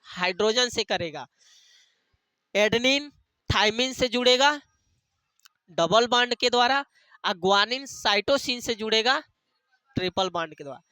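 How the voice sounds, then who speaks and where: Slow, bright-voiced male teacher. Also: very high voice, expressive, clear, resonant tone, dry recording. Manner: asks questions and answers them himself, repeats key terms; uses jokey memory tricks. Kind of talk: classroom lecture with call-and-response questions.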